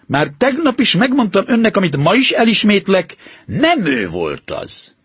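A man's voice: high voice, huge pitch swings, fairly bright tone, breathy edge, dry recording, voice pushed up, full character voice. Man voicing a stern, self-assured detective. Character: calm, stern male detective, confident and precise. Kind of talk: audiobook reading.

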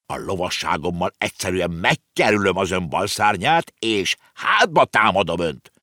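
A stubborn ancient general, voiced by a man answers in a slow, measured and defiant way in a storybook reading. His voice stays deep, with a close, dry sound. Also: animated, pushed and bright, no room sound, exaggerated voice.

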